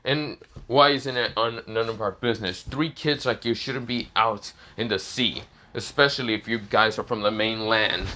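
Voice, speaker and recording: A man voicing a rough, pushy male pirate who questions his captives brusquely. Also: on the low side, steady tone, moderate pace, few pauses, bright, forceful tone. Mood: scornful.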